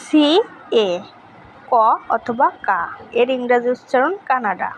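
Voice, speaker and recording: A woman teaching a pronunciation lesson, reading out letter pairs and example words one by one in a slow, deliberate way. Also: on the high side, animated, a little hiss or hum, poor audio.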